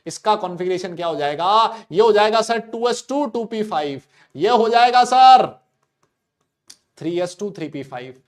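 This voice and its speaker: Male tutor, high voice, casual lecture style with playful mnemonics and rhetorical questions. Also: animated, moderate pace, few pauses. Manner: chatty, asks and answers his own questions, playful mnemonics. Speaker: chemistry teacher.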